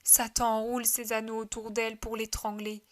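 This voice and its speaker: A woman's voice: fairly high pitch, completely flat delivery, normal speed. A woman reading a devotional story aloud in an earnest narrating style. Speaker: audiobook reader. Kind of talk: scripted narration.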